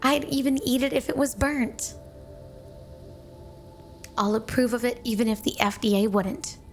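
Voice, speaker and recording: In this ASMR roleplay, a woman with a fairly high, near-everyday voice takes a measured pace as a sweet, obsessively devoted yandere snow woman wife addressing the listener. Eager and doting, she comes across as sugary, flirty and clingy, with music behind her.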